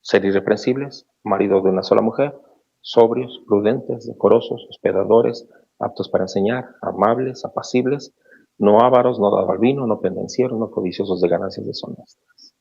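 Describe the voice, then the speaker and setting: Male pastor, sermon delivery, husky low voice, lo-fi recording. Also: normal speed, a little mellow. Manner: preaching with rhetorical questions. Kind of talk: sermon and closing prayer. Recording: dull lo-fi recording.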